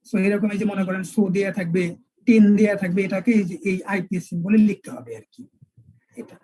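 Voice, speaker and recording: A male English teacher, lecturing an online class and spelling words out slowly with repeated examples. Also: sits high, steady tone, darkish tone, husky, no echo, poor audio.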